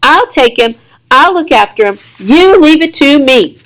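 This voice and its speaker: A woman's voice: high-pitched, expressive, measured pace, fairly bright tone, voice pushed up, poor audio. A woman reading aloud voices an eager elderly grandfather who rattles off urgent instructions.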